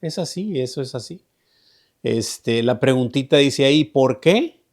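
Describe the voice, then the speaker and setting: A man's voice: mid-range voice, expressive, a little slow, a little mellow. A man teaching an online Bible study in a conversational way. He often repeats himself and checks in with "¿verdad?". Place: online group meeting.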